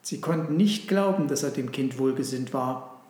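A man narrating a storybook read-aloud in a calm, even storytelling manner. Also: medium pitch, normal speed. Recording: roomy echo.

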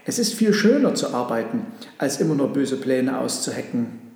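Man putting on a young ex-robber, fretful, higher voice, roomy echo. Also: big pitch swings, moderate pace, a little mellow. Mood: earnest. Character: young reformed robber, restless.

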